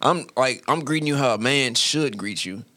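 A man's voice: mid-range voice, normal speed. A man co-hosting a casual podcast chat, telling stories and acting out quotes with lots of laughter. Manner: animated storyteller, acts out quotes, laughs often. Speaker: podcast co-host.

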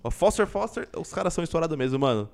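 A man hosts a casual podcast, talking quickly. His slightly raised voice rises and falls a lot as he teases his guest. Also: on the high side, very animated, vocal fry. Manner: playful teasing, laughs often. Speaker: podcast host.

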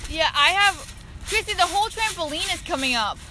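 A woman's voice: extremely high pitch, lively intonation, a little fast. A teenage girl chatting and teasing her friend for a vlog. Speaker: vlog co-host. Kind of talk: casual chat. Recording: noisy background.

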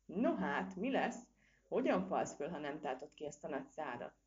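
A woman's voice: low-pitched, big pitch swings, warm tone. A woman voicing a bold, clever little male squirrel in a storybook reading, daring and cheeky. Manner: cheeky, daring, quick exclamations. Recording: dull lo-fi recording.

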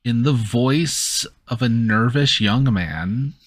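A man's voice: medium pitch, takes it slowly, no room sound. A man speaking casually as game master, narrating a tabletop game and calling for dice checks.

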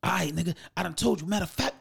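Man acting out an irate, high-pitched New York tough guy. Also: big pitch swings, normal speed. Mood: threatening. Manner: loud, aggressive, slangy. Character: angry, confrontational streetwise male customer.

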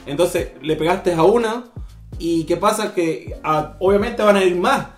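A man's voice: high voice, unhurried, echoey room, soft background music. A man with a Venezuelan accent, a podcast guest telling stories in casual chat and acting out the voices of people he quotes. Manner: animated storyteller who acts out quoted voices.

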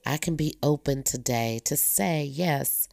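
A low-pitched woman with vocal fry and a darkish tone speaks at a measured pace, with no echo. She's a blogger in her fifties, talkative and earnest, sharing candid personal reflections on family and faith.

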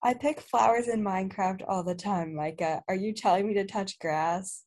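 A woman's voice: mid-range voice, normal speed, darkish tone. Rambling, joking woman podcast co-host. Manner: rambling, filler-heavy, joking. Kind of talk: casual podcast chat.

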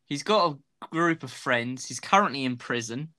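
A man's voice: medium pitch, lively intonation, moderate pace, bright, forceful tone. A young man chatting casually as an interview guest, rambling, laughing and self-deprecating. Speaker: guest, fan video creator.

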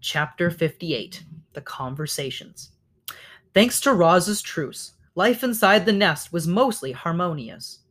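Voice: mid-range voice, animated, slow, fairly bright tone. A reader reading a children's novel aloud, now and then stopping to correct slips.

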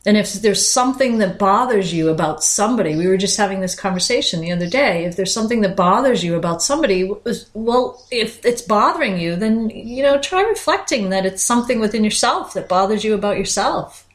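A woman's voice: medium pitch, animated, fairly quick, few pauses. A woman co-hosting a podcast in casual chat, explaining ideas conversationally in long run-on sentences. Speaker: podcast co-host.

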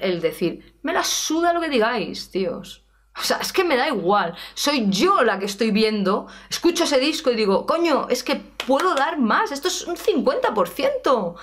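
A woman with a Spanish accent from Spain, a rock singer talking casually and candidly to her audience, emphatic, swearing freely and restarting her sentences. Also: medium pitch. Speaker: rock singer and vocal coach. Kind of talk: casual personal storytelling to camera.

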